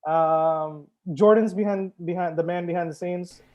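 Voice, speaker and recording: A man's voice: high voice, steady tone, a little slow, darkish tone, dull audio. A man hosting a live-streamed wine tasting as a sommelier, talking casually and upbeat with frequent fillers. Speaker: sommelier and show host.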